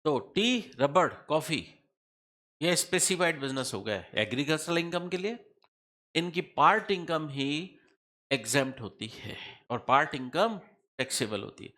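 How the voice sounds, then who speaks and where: A middle-aged man lecturing a class on tax law, in a high-pitched voice. His tone is bright and forceful, and he keeps repeating the key percentages. He throws quick questions at his students to check they are following. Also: expressive. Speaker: tax teacher.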